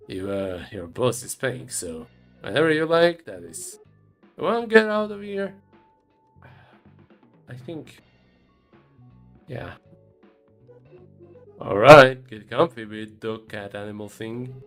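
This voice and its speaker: A man's voice: medium pitch, very animated, slow pace, long pauses, a bit bright, faint music behind. A man doing a grumpy, sarcastic train conductor. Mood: grumbling. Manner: sarcastic, grumbling.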